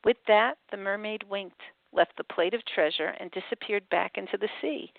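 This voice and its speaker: An older woman with a gravelly, creaky voice reads a children's book aloud, her pitch leaping up and down. She sounds thin and boxed-in, as if over a phone line, with no room echo at all. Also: moderate pace. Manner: animated storybook reading with wide pitch swings. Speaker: author and host. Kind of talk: reading a picture book aloud, then chatting. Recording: tinny phone-like line, dry.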